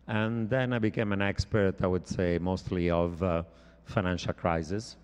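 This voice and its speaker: Middle-aged man from Italy, economist on a panel; deep, smooth, even delivery with hesitations, hall reverb. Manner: measured, frequent hesitant fillers. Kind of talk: panel discussion. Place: conference stage.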